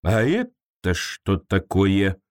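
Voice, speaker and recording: A man voicing a naive, lonely swamp creature with big paws, talking slowly and with wonder. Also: very animated, smooth, dry recording, clean studio sound, exaggerated voice. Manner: slow, wondering, low-pitched.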